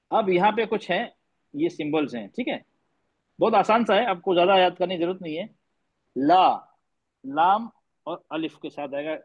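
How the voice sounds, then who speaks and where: High-voiced male tajweed teacher, online class. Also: highs cut off. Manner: patient, repeats points, quizzes students; mixes English words into speech. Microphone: online class audio.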